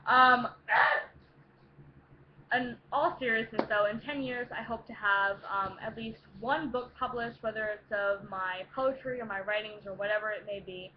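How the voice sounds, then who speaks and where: Casting: young woman vlogger, high voice, tipsy rowdy rambling Q&A chat, slightly noisy lo-fi home sound. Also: fairly even intonation, normal speed. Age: young adult. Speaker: vlogger answering Q&A questions. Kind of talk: casual rambling chat to viewers. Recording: dull lo-fi home recording, faint noise.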